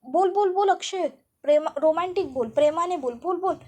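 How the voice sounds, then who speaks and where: A woman's voice: very high voice, brisk, a little mellow. A woman voicing a meddling, scheming father who gives coaxing, insistent orders, in a retelling of a TV serial. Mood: pushy.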